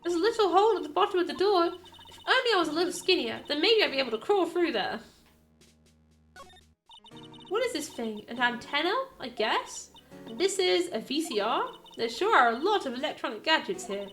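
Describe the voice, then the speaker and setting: A woman streaming a game live, chatting and reading the dialogue aloud in an animated way. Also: high voice, brisk, faint music behind.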